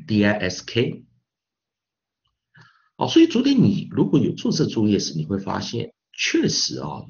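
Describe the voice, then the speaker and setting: A male English teacher gives an online phonics lesson. He spells words out slowly and fills his talk with little particles. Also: on the low side, muffled recording. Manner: repeats spellings slowly, peppers speech with 啊 and 哦.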